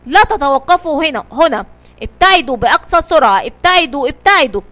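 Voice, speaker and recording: A panicked male shipwreck survivor pleads with the crew to flee in a children's storybook, as a woman reads him. He repeats his warnings frantically, and the voice sits high. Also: animated, quick pace, pushed and bright. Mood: frantic. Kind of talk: storybook reading.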